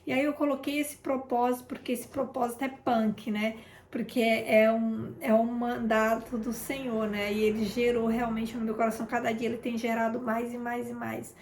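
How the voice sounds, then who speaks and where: A woman shares an informal testimony of faith, speaking in a fairly high voice with a gravelly, fry-touched edge. She keeps talking straight to her listeners, and the sound carries a roomy echo. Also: flat delivery, normal speed, darkish tone, a little hiss or hum. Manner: chatty, keeps addressing listeners, re-enacts conversations. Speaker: intercessor sharing a testimony. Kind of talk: informal testimony in a prayer broadcast.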